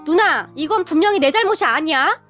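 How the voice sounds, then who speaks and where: A woman's voice: very high-pitched, animated, fairly quick, a bit bright, faint music behind. A woman voicing an exasperated young husband who sighs and protests. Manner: sighing, exasperated. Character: exasperated young husband caught between family.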